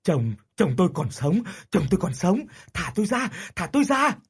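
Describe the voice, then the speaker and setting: A man's voice: very animated, normal speed, slightly rough, heavily acted. A man voicing a frantic grieving old widow who wails and pleads. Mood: hysterical wailing. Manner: shrill wailing, pleading.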